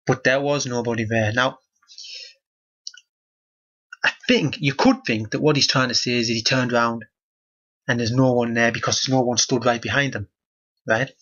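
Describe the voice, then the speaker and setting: A man's voice: mid-range voice, steady tone, moderate pace, pauses often, a bit bright, dull audio. A man reading a children's book aloud, breaking off for sardonic, mock-outraged comic asides.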